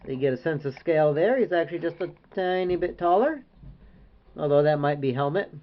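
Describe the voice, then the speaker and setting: A man's voice: fairly high pitch, animated, fairly quick, muffled recording. A man reviewing an action figure in a casual, rambling way with many hesitations. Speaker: toy collector reviewer.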